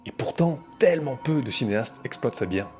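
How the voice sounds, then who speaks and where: A man's voice: mid-range voice, expressive, fairly quick, darkish tone, soft background music. Wry, conversational man narrating. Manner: wry, conversational, with playful emphasis. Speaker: video essay host. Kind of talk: casual video essay narration.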